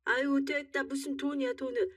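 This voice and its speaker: A woman's voice: sits high, flat delivery, normal speed, no room sound, studio quality, distant mic, pitched above the performer's own voice. A woman voicing a kind, worried elderly mother from the countryside. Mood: protesting. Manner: gentle, fretful.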